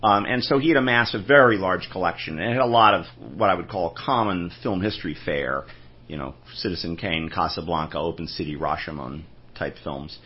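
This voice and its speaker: A man's voice: sits low, a little fast, husky, muffled recording. A man telling anecdotes in a casual interview, rambling and restarting his sentences. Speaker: film collector guest.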